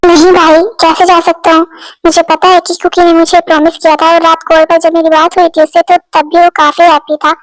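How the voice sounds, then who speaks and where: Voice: very high voice, little pitch movement, brisk, no room sound, low-quality recording. A voice actor playing an earnest young man talking with his older brother in an amateur fan dub. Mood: wistful.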